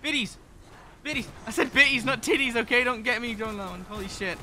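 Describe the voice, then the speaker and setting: A man with a high voice streams a shooter and chats with his viewers, swearing freely and flaring into rants. Game gunfire rattles clearly behind his talk. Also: a little hiss or hum. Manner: profane, excitable, quick to rant. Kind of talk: live gameplay commentary with chat.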